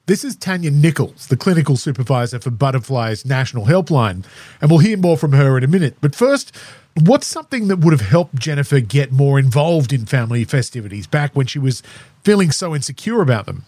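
A man with a hoarse, scratchy voice hosts a podcast in a conversational, narrated style. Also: mid-range voice, sing-song, brisk, dark tone, no echo. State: hoarse, scratchy voice after flu. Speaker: podcast host.

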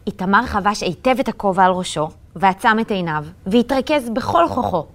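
A woman narrating a children's story in an expressive, animated way. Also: mid-range voice. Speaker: story reader.

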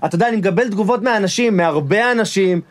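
An actor playing a flustered, insecure male director who stammers and whose voice climbs high when he gets upset, in a scripted comedy audio drama. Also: close to an everyday voice. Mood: pleading.

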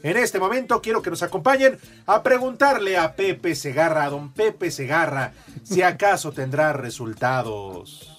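A man's voice: a little high, expressive, moderate pace. A man hosting a radio show with irreverent banter. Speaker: radio host.

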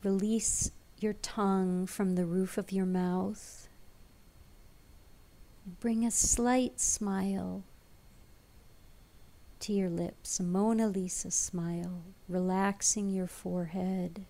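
A woman leading a guided meditation as a teacher, in a soft, breathy, soothing delivery. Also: mid-range voice, little pitch movement, slow, pauses often.

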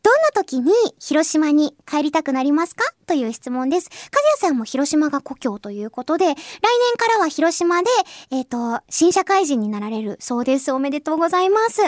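A woman's voice: high-pitched, animated, no room sound, studio quality. A woman from Hiroshima, Japan, hosting a solo radio show and reading listener mail, cheerful and friendly, with a Japanese accent when she speaks English. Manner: bright, cheerful and friendly, slow and careful in English, brisk in Japanese. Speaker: radio host and voice actress. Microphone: close studio microphone.

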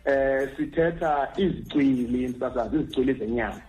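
Quick-talking man with a Xhosa accent. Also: medium pitch, a little mellow, poor audio. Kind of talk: conversational explanation.

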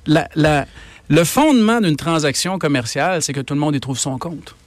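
A Québécois man with a voice a bit higher than most, speaking as an economics guest on the radio. He argues with emphasis and doubles up his words as he goes. The sound is dry and close. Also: animated, moderate pace, no room sound. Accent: Québécois French. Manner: emphatic, argumentative, frequent repetitions. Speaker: economics columnist and professor, guest. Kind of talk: radio interview.

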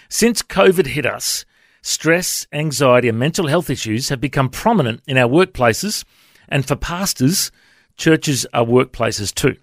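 A man's voice: medium pitch, no echo, clean studio sound. A man hosting a radio interview in a friendly, conversational way. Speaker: radio host.

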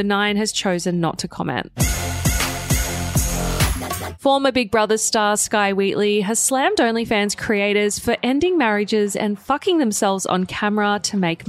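A woman hosting a gossip news podcast, reading a scripted bulletin briskly with sassy asides. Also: mid-range voice.

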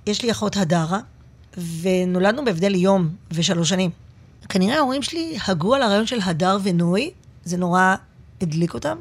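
Animated woman comedian telling stories. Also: mid-range voice. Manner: animated, expressive storyteller. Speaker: stand-up comedian guest. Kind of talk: casual interview chat.

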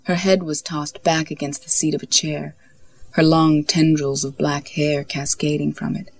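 Brief: woman narrator, low and gravelly, reading an intimate story slowly and softly, often near a whisper. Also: little pitch movement. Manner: soft, slow, breathy delivery, often near a whisper.

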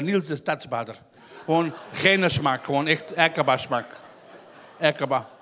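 A young Flemish man doing live stand-up comedy in a tent show, teasing front-row audience members with wild, drawn-out shouting. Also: on the high side.

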